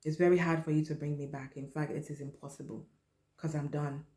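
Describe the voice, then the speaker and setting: A woman hosting a podcast, telling a personal story in a blunt, candid way and often dropping her voice low. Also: little pitch movement, fairly quick, dark tone. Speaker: podcast host. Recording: roomy echo.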